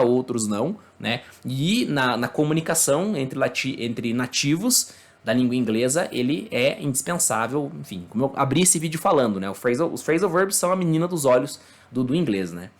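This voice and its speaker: A Brazilian man who speaks Portuguese natively teaches a casual online English lesson in a medium-pitched, animated voice. He explains slowly and keeps checking in with tag questions and fillers.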